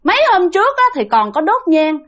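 A woman's voice: very high voice, very animated, fairly quick, fairly bright tone, pitched above the performer's own voice, full character voice. A woman voicing a rude female mountain spirit who possesses a mother, with a scolding, contemptuous manner. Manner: scolding, contemptuous, demanding offerings.

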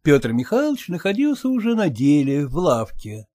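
A reader narrating a classic story aloud in a measured way, voicing the dialogue. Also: medium pitch, wildly swooping pitch, dark tone, no echo, studio quality.

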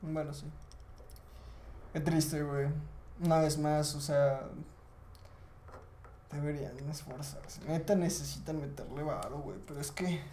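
A man's voice: on the high side, unhurried, long pauses, slight background noise. A man with a Mexican accent co-hosting a casual gaming podcast, slangy and loose. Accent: Mexican Spanish. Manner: casual, slangy, bursts into shouts. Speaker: podcast co-host.

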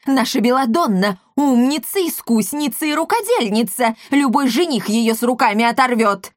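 A woman voicing a hot-tempered wealthy mother with loud, shrill outbursts. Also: animated, moderate pace, dry recording, clean studio sound, natural voice. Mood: angry.

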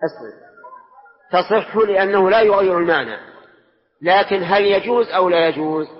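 High-voiced man teaching in echoing mosque. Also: moderate pace. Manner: quizzes students and presses them for answers. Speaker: religious scholar teaching a lesson. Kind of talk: question-and-answer religious lesson. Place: large mosque hall. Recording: dull lo-fi recording with long hall reverb.

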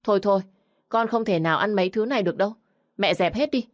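A woman voicing a spoiled, rude young bride in a narrated story, whiny and shrill. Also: fast talker, no room sound, clean studio sound, close to an everyday voice. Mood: disgusted.

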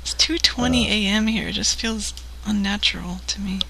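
A woman's voice: mid-range voice, moderate pace, creaky, rough recording. A woman hosting a late-night prank-call stream, chatting in a loose, unprepared way. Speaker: host. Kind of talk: casual late-night chat.

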